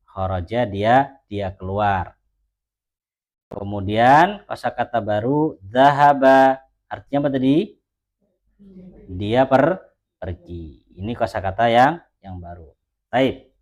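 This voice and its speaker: A male teacher leads a language lesson. He explains patiently and often repeats himself, sounding out example phrases slowly so his students can follow. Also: medium pitch, lo-fi sound.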